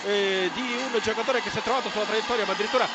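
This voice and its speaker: A man giving excited live play-by-play football commentary. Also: high voice, racing.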